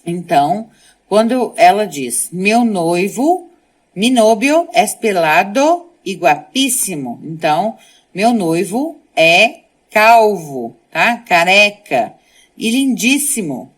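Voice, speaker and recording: Speaking slowly in a husky, sing-song, medium-pitched voice, a native Portuguese-speaking woman teaches Spanish. She reads sentences out, then translates them and explains what they mean.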